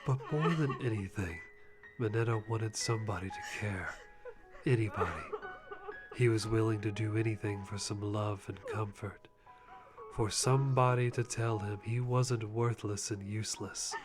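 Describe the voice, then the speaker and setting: With background music playing, a male channel host performs a fanfic in a theatrical, tongue-in-cheek live reading, repeatedly near laughing. His voice is on the low side, his tone steady and his pace moderate.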